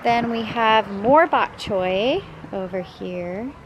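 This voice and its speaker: A woman's voice: medium pitch, expressive, takes it slowly, lo-fi sound. A young woman giving a casual, enthusiastic tour of her backyard vegetable garden, filmed outdoors on a handheld camera while she walks. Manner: chatty and enthusiastic, pointing things out as she walks. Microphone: handheld camera, filming while walking. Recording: outdoor camera audio with clear background noise.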